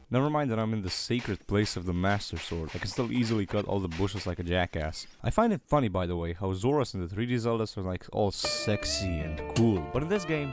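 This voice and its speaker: Animated, joking man reviewing a game. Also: lowish voice. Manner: sarcastic, joking, casual swearing. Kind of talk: scripted casual game review narration. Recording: voice-over with music behind it.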